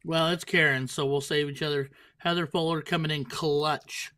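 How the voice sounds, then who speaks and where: A man commentates live on a darts match in a casual, conversational way. His voice sits a little higher than most men's. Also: fairly even intonation, normal speed, pushed and bright.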